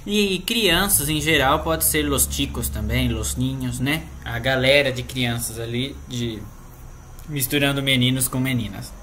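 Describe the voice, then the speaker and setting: Bright-voiced Brazilian man teaching grammar. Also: medium pitch, a little slow, a little hiss or hum. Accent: Brazilian Portuguese. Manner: patient, explanatory, tags sentences with "né?". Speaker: Spanish teacher. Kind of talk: explaining grammar lesson.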